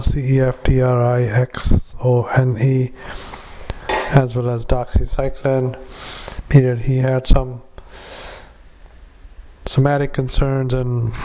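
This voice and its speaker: A male clinician dictating clinical notes into a dictaphone recorder, halting with many filler sounds. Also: medium pitch, dark tone, slight background noise, poor audio. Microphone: handheld dictation recorder.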